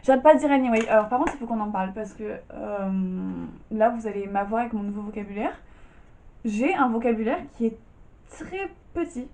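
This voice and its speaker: A woman's voice: a little high, expressive, moderate pace, darkish tone. A young woman vlogging casually from her bedroom, tired and just out of bed, chatty and full of slang and fillers. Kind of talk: casual chat.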